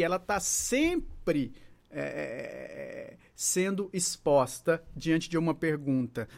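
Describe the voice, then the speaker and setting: Um homem com sotaque brasileiro, voz um pouco alta de tom, explicando a matéria num tom coloquial. Ele conversa com a plateia e faz perguntas retóricas enquanto ensina. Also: male voice, on the high side. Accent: Brazilian Portuguese. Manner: chatty, asks the audience rhetorical questions, acts out patient dialogues. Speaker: holistic therapist teaching. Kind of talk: informal video lesson to viewers.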